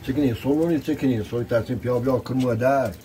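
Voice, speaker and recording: A man's voice: mid-range voice, mellow. A man in casual back-and-forth chat while doing chores in a rural home. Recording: clear background noise.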